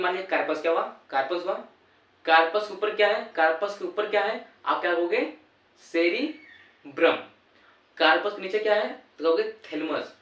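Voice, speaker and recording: A man's voice: sits high, a bit bright. Repetitive quizzing male teacher, echoey. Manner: repetitive call-and-response quizzing. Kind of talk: classroom lesson. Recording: echoey room, voice from far off.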